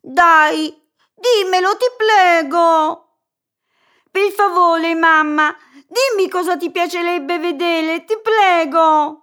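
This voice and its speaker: A woman's voice: extremely high pitch, slow pace, a bit bright, voice pushed up, exaggerated voice. A woman voicing an eager little girl who keeps begging insistently in a storybook reading. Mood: pleading.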